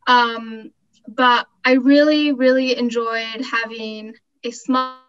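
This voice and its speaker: Speaking at an online info session, a woman in her 20s from Costa Rica shares her experience as a graduate student with informal enthusiasm. She has a fairly high, somewhat bright voice, and the sound is dull.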